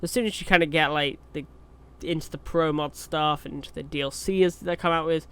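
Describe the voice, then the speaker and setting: A young man with a cold narrates a truck driving game for his gaming channel, rambling loosely with fillers and restarted sentences. His voice is a little high and steady, brisk, pushed and bright, with a clean tone.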